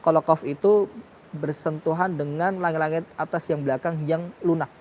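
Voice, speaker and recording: A man's voice: fairly high pitch, steady tone, moderate pace, a little mellow, slight background noise. A man teaching a class on Quranic pronunciation, questioning his students and sounding out letters for them. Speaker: tajwid teacher.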